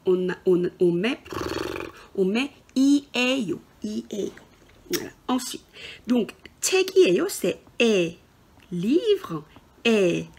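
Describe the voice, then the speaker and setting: A woman teaching a beginner language lesson over slides, explaining patiently and slowly, with fillers and self-corrections. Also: mid-range voice, slightly rough. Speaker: Korean teacher. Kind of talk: screen-recorded language lesson.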